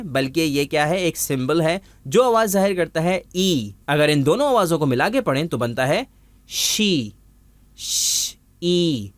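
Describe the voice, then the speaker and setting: A man with a fairly high, very lively voice teaches pronunciation in a video lesson. He works through each point step by step, poses questions to the viewer and repeats example words slowly. The sound is dry and close. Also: dry recording.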